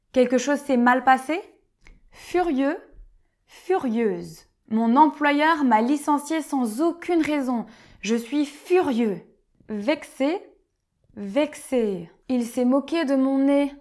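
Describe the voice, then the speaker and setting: A woman teaching French vocabulary slowly and clearly, reading each word and then a short example sentence. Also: sits high.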